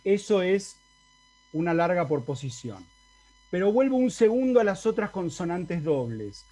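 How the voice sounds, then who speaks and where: A man's voice: high-pitched, sing-song, measured pace, mellow. A man with an Argentine accent teaching a university Latin class over a video call, explaining step by step and often checking in with his students. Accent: Argentine Spanish. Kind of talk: university lecture.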